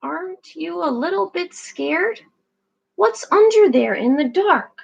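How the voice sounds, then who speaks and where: A woman's voice: extremely high pitch, lively intonation, slow, creaky, muffled recording, voice pushed up, heavily acted. A woman doing a timid little penguin girl. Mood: wistful. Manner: hesitant and wishful. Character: small timid young penguin girl who dreams of flying.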